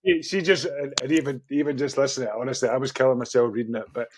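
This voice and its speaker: A podcast host chatting in an easygoing, agreeable way, with a middle-pitched male voice. He laughs easily and backs up his guest. A faint noise sits under the recording. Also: steady tone, quick pace. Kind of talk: casual chat.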